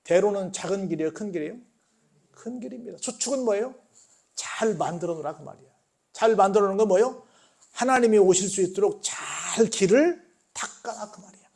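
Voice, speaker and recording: A man preaching a Sunday sermon as a church pastor, asking the congregation questions and answering them himself, swinging between loud bursts and hushed lines. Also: high-pitched, fairly quick, vocal fry. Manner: call-and-response questions to the congregation. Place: church sanctuary.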